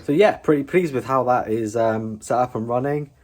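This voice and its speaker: A man's voice: medium pitch, normal speed, a little mellow. A man hosting a do-it-yourself build video, explaining the work in an informal, casual way. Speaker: DIY bus conversion video host.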